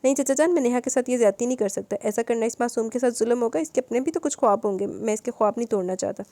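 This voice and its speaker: A woman voicing a gravely ill young man who pleads in an earnest, measured way in an audio novel. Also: a little high, dark tone, natural voice.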